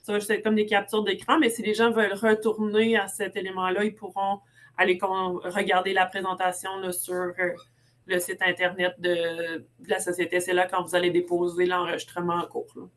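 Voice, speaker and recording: A woman's voice: on the low side, completely flat delivery, fairly quick, fairly bright tone. A woman with a Quebec French accent, a speech therapist answering webinar questions in a chatty way full of fillers. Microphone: video call.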